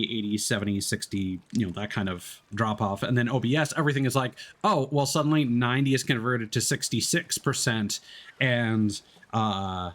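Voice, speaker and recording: On a casual live stream, a young man with a medium-pitched, slightly bright voice rambles along in a scatterbrained way, full of fillers and restarts and swearing freely.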